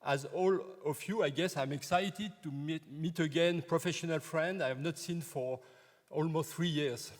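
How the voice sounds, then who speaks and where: Man, formal conference welcome, halting repeats, fairly high voice, long hall reverb. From France. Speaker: conference co-chair, professor.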